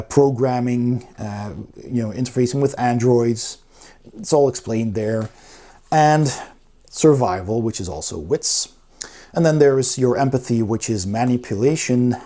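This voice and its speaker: A man who hosts a channel reviewing board games talks casually and conversationally, walking through things step by step. His voice is mid-range and warm.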